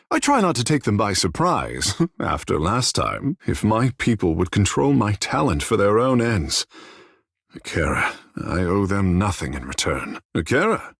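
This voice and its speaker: Tekēhu, theatrical swooping sea-folk godlike. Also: male voice, medium pitch, husky, dry recording, studio quality, heavily acted. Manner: languid, flirtatious, grandiose, formal phrasing. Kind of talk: fantasy video game character dialogue.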